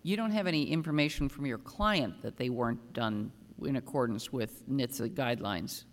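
A man speaking from the bench as presiding judge, with probing questions in halting phrases. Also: medium pitch. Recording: long hall reverberation.

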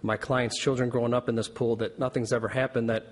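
A man's voice: medium pitch, flat delivery, fast talker. An American man, a lawyer making an insistent, formal oral argument in court. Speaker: lawyer arguing an appeal. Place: large indoor courtroom. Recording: reverberant courtroom hall.

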